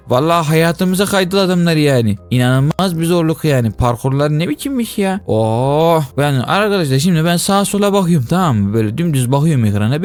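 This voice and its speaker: A man commenting on his own game as he plays, animated and quick to shout and yelp when scared. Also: on the high side. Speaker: gaming YouTuber. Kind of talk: excited gameplay commentary.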